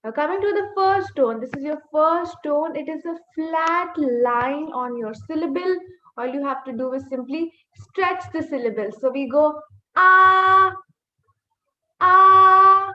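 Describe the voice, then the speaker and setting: A woman's voice: high-pitched, normal speed. A woman teaching a beginners' online language class, explaining step by step and drawing out sample syllables to demonstrate. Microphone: computer mic on a video call. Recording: dull, echoey webinar audio.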